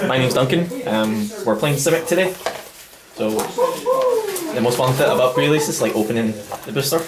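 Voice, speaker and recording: A man hosting a casual walkthrough in a busy game store at a midnight event, talking in a halting, stop-start way. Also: medium pitch. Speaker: host opening card packs. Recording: echoey room with crowd chatter.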